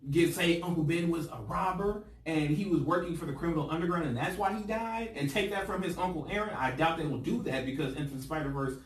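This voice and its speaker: Excitable fast-talking man, roomy distant sound. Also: on the high side. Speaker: podcast co-host. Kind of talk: casual podcast chat. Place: room, livestreamed podcast. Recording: echoey room, far from mic, faint noise.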